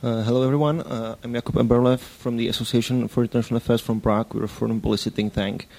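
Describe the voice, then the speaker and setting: A man's voice: mid-range voice, little pitch movement, rapid-fire, vocal fry, darkish tone. A man introducing himself at a workshop in a hesitant way. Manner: hesitant, apologetic. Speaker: think tank member.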